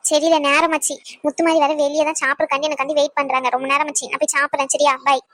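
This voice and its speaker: A woman's voice: sits high, flat delivery, fairly bright tone, dry recording, clean studio sound. A woman voicing a caring young woman in a cartoon who coaxes and advises her friend. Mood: coaxing. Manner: coaxing, advising, quick. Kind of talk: cartoon voice acting.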